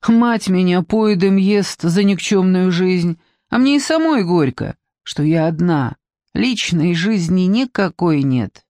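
A reader voices a weary, downcast young mother in an audiobook, plaintive and hesitant. The pitch is middling. The sound is dry and close. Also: expressive, takes it slowly, a little mellow, dry recording. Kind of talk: audiobook reading.

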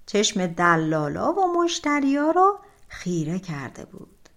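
A woman narrating a folk tale audiobook in an expressive, colloquial storytelling manner. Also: mid-range voice. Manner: expressive, colloquial, drawn-out phrase ends.

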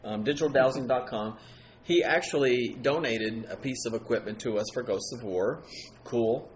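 A man's voice: mid-range voice, moderate pace. A man in casual conversation, hosting a ghost-hunting talk show. He rambles in a chatty way, often correcting himself mid-sentence. A faint hum sits under his voice. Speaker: paranormal podcast host. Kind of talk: casual chat.

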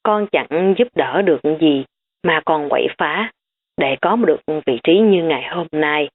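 A woman's voice: deep voice, animated, unhurried. A woman voicing a stern elderly grandmother who lectures her family firmly. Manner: firm, lecturing. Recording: tinny phone-like recording.

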